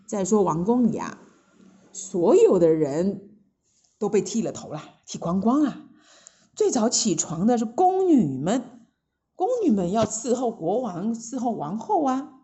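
A woman storyteller narrating a children's classic tale with lively exclamations. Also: medium pitch, a little slow. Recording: muffled lo-fi recording.

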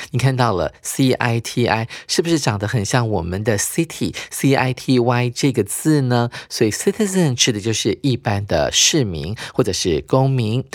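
A man leads an English lesson in a patient, steady teaching voice, pausing to spell words out letter by letter. His pitch sits right in the middle range for a man. The recording is close and completely dry, with no room sound. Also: no echo. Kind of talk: radio-style English lesson.

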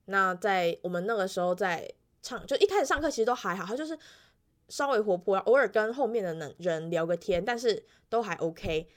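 A young woman with a Taiwanese Mandarin accent, a music teacher telling school stories in a casual vlog, animated and laughing often. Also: medium pitch, a little fast. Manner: chatty, animated storytelling with frequent laughs and fillers. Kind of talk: casual weekly vlog storytelling.

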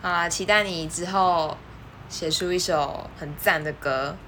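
A woman co-hosts a casual podcast chat. Her voice is bright and slightly sharp, set fairly low, and she answers her co-host with playful teasing. A faint background hum sits under the recording. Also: unhurried.

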